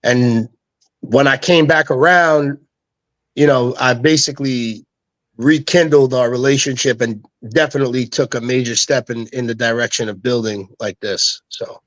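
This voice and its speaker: A man's voice: medium pitch, steady tone, normal speed, fairly bright tone. A young man, a guest telling loose, slangy stories and quoting people as he goes. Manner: loose, slangy, quotes others in voices. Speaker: guest, NFT co-founder. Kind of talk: casual storytelling.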